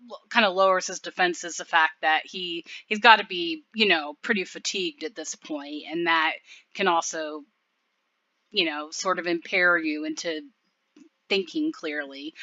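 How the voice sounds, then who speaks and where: Chatty woman, bright dull-sounding commentary. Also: lowish voice, steady tone, unhurried, no echo. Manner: rambling, lots of fillers. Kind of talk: casual video commentary.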